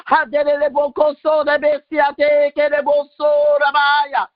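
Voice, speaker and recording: A high-pitched woman minister declares a prophetic prayer, moving between tongues and proclamations in a slow, chanting, repetitive delivery that keeps breaking into shouts. The recording is dry and dull, with a lo-fi sound. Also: monotone, no room sound.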